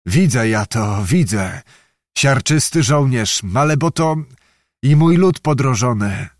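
Man reading as old grumbling governor, complaining, loud exclamations, raised voice, dry audiobook sound. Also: medium pitch, animated, slow pace, dry recording. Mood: wary. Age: older. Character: grumbling old hungry nobleman, a provincial governor.

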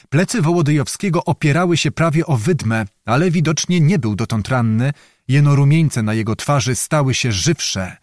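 A male audiobook narrator telling a historical novel with measured, dramatic storytelling. His pitch is ordinary for a man. The recording is dry and close, as in a small studio booth. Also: a little mellow, dry recording.

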